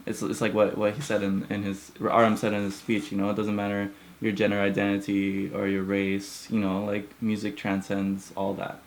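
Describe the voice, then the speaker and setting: A man's voice: fairly low pitch, monotone, normal speed, hardly any pauses, a little hiss or hum. Chatty man reacting to a video. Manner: chatty, laughs often, many likes and restarts. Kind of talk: casual reaction commentary.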